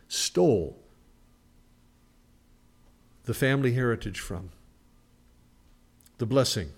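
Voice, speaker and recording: Man preaching with strong dynamic swings. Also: medium pitch. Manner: swings from loud, emphatic preaching to quiet, conversational storytelling; rhetorical questions and acted-out quotes. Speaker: pastor. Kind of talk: sermon.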